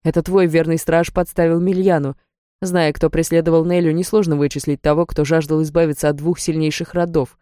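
A woman's voice: sits low, flat delivery, fairly quick, dark tone, dry recording, clean studio sound, close to an everyday voice. Woman voicing a stern, firm demon lord. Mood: accusing. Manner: firm, clipped, resolute. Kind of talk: audiobook character reading.

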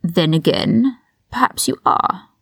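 A condescending aristocratic older man hisses through a whispered role-play, as a woman reader puts him on. His low, gravelly whisper cuts with cold contempt, and the sound is close and dry. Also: big pitch swings, moderate pace, fairly bright tone, no echo, exaggerated voice. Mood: bitter. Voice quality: hissing whisper. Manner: condescending, cutting. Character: cold aristocratic older male prisoner, sneering.

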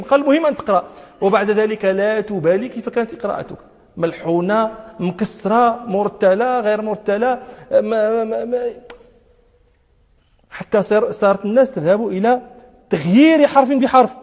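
A man delivers a religious lesson in a strikingly high voice. He presses his points by repeating words and chants the verses he quotes. His voice rings through a hall with a long reverb. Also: a little mellow. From Morocco. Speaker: sheikh teaching hadith commentary.

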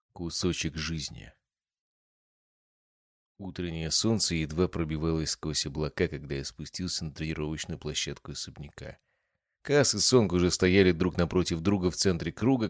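A man narrating a first-person fantasy audiobook with expressive storytelling. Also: sits low, no echo, studio quality.

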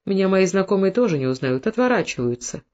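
Defiant young peasant woman in a storybook, as an audiobook reader puts her on, sharp retorts, stubborn, slightly dull recording. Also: medium pitch, big pitch swings, fast, close to an everyday voice.

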